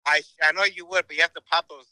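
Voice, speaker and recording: A man's voice: fairly high pitch, fairly even intonation, bright, forceful tone, dry recording, poor audio. A man calling in over a phone on speakerphone from his car, joking and playing along in casual chat. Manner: playful, teasing, quick to play along. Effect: heard over a phone on speakerphone. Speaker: caller. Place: car on the highway.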